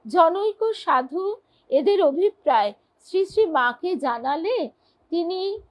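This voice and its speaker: A woman reading devotional stories aloud and commenting on them in a measured, earnest way. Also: extremely high pitch, big pitch swings, rough recording. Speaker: reader of devotional texts.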